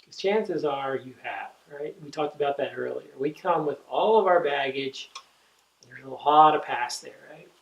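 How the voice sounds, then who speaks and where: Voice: mid-range voice, moderate pace, lo-fi sound. A camp counselor trainer giving a conversational training talk, acting out inner thoughts as quoted asides. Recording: echoey room, voice from a distance.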